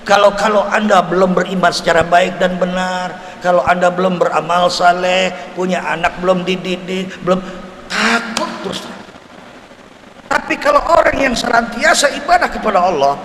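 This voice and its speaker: An older man in his seventies gives a mosque sermon lesson in a Betawi Jakarta accent. His voice sits high and lively, and he acts out small voices and keeps asking the crowd questions. The talk rings through a large, echoey mosque hall with a long reverb tail and a faint hum of ambience. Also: normal speed. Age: 70s. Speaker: preacher.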